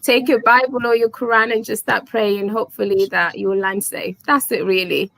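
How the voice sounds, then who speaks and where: A woman's voice: a little high, fairly even intonation, normal speed, creaky, a bit bright, no room sound, poor audio. Earnest woman host, dry sound. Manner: earnest, emphatic. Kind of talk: casual interview.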